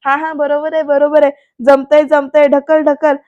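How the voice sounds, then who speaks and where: A playful young man eggs someone on with coaxing, repeated cheers, as a woman recaps him. The voice sits high. The recording is dry and a little dull. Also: flat delivery, normal speed, no echo, close to an everyday voice. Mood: teasing.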